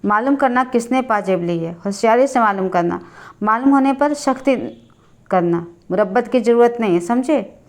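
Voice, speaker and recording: A woman's voice: fairly high pitch, moderate pace, close to an everyday voice. A woman storyteller voicing a stern middle-aged father who gives curt, impatient commands to his son.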